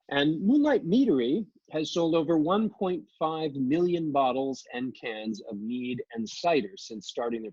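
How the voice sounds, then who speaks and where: A man hosting a live-streamed winery interview, talking in a halting way with many fillers and restarts. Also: fairly high pitch, darkish tone, husky, no echo. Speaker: host. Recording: dull lo-fi livestream audio.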